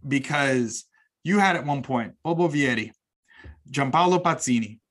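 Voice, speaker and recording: A man hosting a podcast interview, excitably stacking repeated words as he builds his questions. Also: medium pitch, normal speed. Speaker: podcast host. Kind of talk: casual interview chat.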